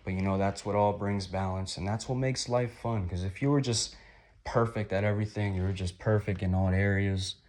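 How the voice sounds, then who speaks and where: Young guy in his 20s, low voice, a bit hoarse, rambling and upbeat. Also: fairly even intonation, fairly quick. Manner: rambling, upbeat, gently motivational. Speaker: vlogger. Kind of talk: reflective casual vlog.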